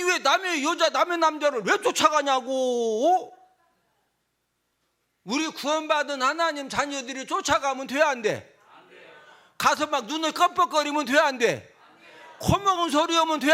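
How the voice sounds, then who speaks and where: A man preaching a sermon as pastor, animated and teasing, often asking the congregation a quick "예?". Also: very high-pitched.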